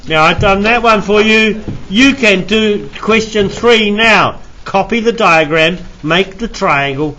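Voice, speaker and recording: A man's voice: high voice, takes it slowly, hardly any pauses, sharp tone, lo-fi sound, a little hiss or hum. A man teaching a maths class in an informal, jokey, self-deprecating way, with frequent coughs between phrases. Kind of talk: classroom lesson, explaining step by step. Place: classroom with students.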